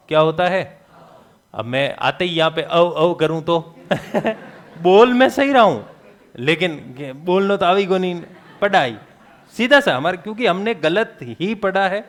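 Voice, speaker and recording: A male teacher lectures a class. He keeps throwing quick questions at the students and answers them himself, with jokes along the way. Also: a little high. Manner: jokey, laughs at his own remarks.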